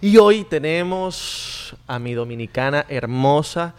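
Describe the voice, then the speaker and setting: A man's voice: on the high side, expressive, slow, a little mellow, clean tone. Playful man co-hosting a podcast. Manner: playful, hypes the guest. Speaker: podcast co-host. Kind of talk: casual podcast chat.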